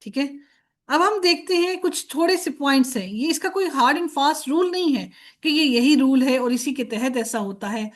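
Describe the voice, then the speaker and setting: A woman's voice: high voice, animated. Patient woman teaching grammar drills. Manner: patient, repeats word forms in drills, asks and answers own questions; mixes in English words. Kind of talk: recorded lecture.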